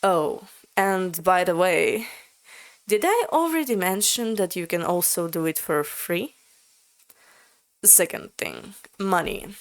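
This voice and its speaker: A Latvian woman whose first language is Latvian talks slowly and expressively, her pitch jumping up suddenly now and then. She's a vlogger, candid and casual, narrating and chatting for her vlog.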